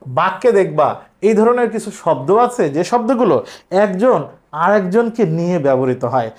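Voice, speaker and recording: A man teaching an exam-prep lesson, explaining step by step and drawing out words slowly to show their pronunciation. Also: high voice.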